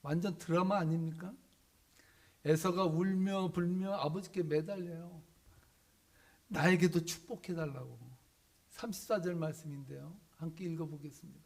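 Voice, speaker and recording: Animated Korean pastor preaching a sermon. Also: male voice, fairly high pitch, normal speed, gravelly. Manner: animated storytelling, acting out biblical characters' lines; asks the congregation questions.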